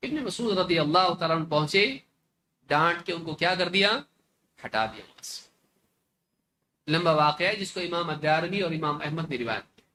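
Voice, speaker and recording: A man giving a religious lecture, animated, acting out opponents with mocking rhetorical questions. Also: fairly high pitch, pauses often, slight background noise. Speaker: Islamic scholar lecturing.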